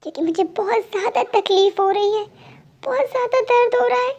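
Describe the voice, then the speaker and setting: A gentle young woman pleads through tears in a very high voice, voiced by a young woman. Her heartbreak colors every line. The home recording sounds dull and lo-fi. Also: a little fast. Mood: heartbroken. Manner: tearful, pleading. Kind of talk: dramatic fan-dub voice acting.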